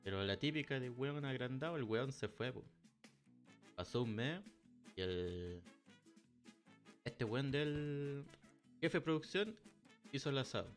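A Chilean man spins a crude, slang-heavy story, and his pitch leaps up and down as he plays every part. His voice sits in a middle register, with faint music under the talk. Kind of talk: casual storytelling chat.

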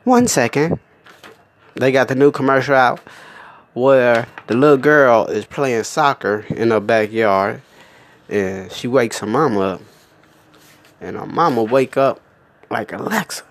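A man's voice: medium pitch, unhurried, pauses often. A young man delivering a profane, emphatic comic rant, laughing often. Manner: animated, emphatic and laughing, with frequent swearing.

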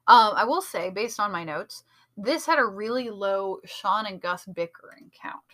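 Woman podcast co-host, bright voice, casual and analytical, talks in run-on thoughts. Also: mid-range voice, animated, normal speed. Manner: chatty, analytical, many fillers like "like" and "um". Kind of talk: casual chat reviewing a TV episode.

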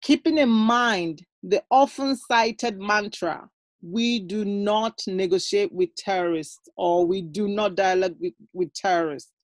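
A woman's voice: medium pitch, a little slow, dry recording. Woman hosting in a dry, close sound. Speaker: podcast host. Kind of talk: scripted podcast introduction.

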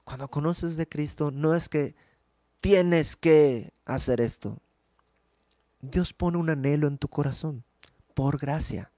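Man preaching, higher voice. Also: slow, no echo. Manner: lively teaching with rhetorical questions and everyday examples. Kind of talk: conversational sermon teaching.

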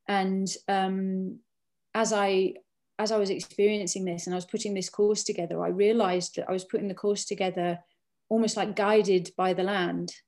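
A woman's voice: mid-range voice, flat delivery, moderate pace, a little mellow. Rambling British woman telling a story. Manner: rambling, frequent restarts and fillers. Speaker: archaeologist and Druid. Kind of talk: casual personal storytelling.

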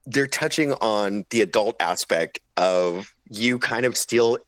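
A man's voice: on the low side, takes it slowly, a bit bright, no room sound. A man co-hosting a casual chat, talking enthusiastically about a film with plenty of fillers and restarts. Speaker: podcast co-host.

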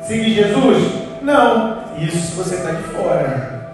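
A man preaching a lively, joking, storytelling sermon. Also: high voice, unhurried. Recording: echoey church hall, far mic, faint music.

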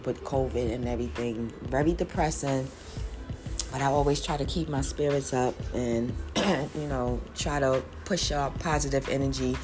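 A woman in her forties chatting casually with her viewers, rambling a little and using many fillers. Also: low voice. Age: 40s. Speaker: vlogger and small business owner. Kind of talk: casual chat to camera. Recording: music playing behind her.

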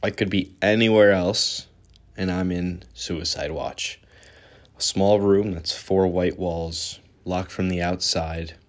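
A young man with a deep, low voice hosts his own podcast and tells his life story straight to the listener. He speaks earnestly and candidly, now and then restarting a word. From born in Israel, raised in New York. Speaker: podcast host. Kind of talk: personal storytelling monologue.

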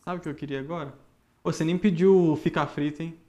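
A man with a Brazilian Portuguese accent, co-hosting a podcast in relaxed, teasing casual chat. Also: fairly high pitch, quick pace, dull audio, crowd noise. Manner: laid-back, teasing banter. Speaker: podcast co-host.

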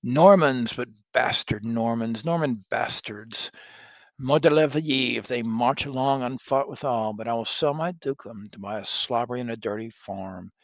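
A man's voice: lowish voice, slow, long pauses, sharp tone, breathy edge, no echo, exaggerated voice. A man reads a blustering French duke full of contempt. He spits out the verse in hot bursts. The sound is dry. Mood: contemptuous. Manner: declaiming Shakespearean verse.

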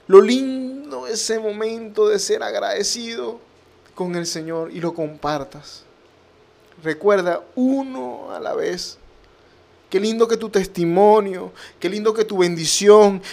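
A man preaching on a devotional radio program as its host, speaking fervently and pleading with listeners through repeated phrases. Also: high-pitched.

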